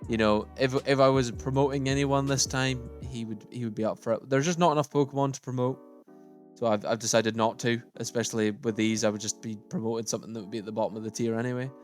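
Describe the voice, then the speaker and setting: A man talks through a tier list in a loose, casual way, stating his likes and dislikes bluntly and thinking aloud as he moves things around. His voice sits at an ordinary middle pitch. Faint music plays underneath. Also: fairly even intonation, fast talker. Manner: opinionated, thinking aloud while sorting. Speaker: gaming YouTuber.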